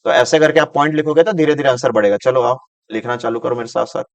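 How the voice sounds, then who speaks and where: A man's voice: medium pitch, quick pace. A male commerce teacher giving a classroom lecture, explaining with everyday examples, asking his students questions and mixing Hindi with read-out English.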